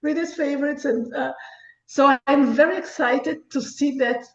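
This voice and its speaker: Captured in echoey, dull, lo-fi audio, a guest author from Brazil, middle-aged with a Brazilian accent and Portuguese as her native tongue, talks eagerly in a casual interview, often laughing and restarting. She speaks high and unhurried.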